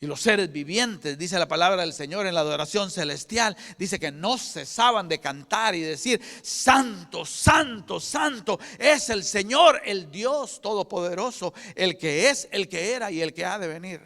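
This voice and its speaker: An older man preaching a sermon as pastor, with fervent delivery that moves from loud proclamation to hushed whispers. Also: sits high, normal speed, hardly any pauses. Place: church sanctuary. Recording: church hall with long reverb.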